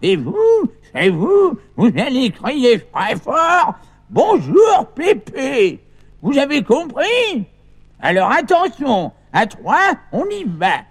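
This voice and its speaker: An actor playing a cheeky old grandfather on a children's record who keeps shouting greetings and jumbles up his stories. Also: very high voice, wildly swooping pitch, takes it slowly, full character voice. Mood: insistent. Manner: repeats himself, shouts greetings, mixes up stories. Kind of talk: children's record comic acting.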